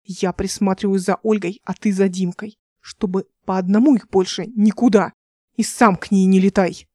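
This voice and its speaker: A woman reads the part of a curt, commanding young officer in a voice close to everyday speech. Her tone is medium-pitched and darkish with fairly even intonation at normal speed, recorded in a clean studio with no echo.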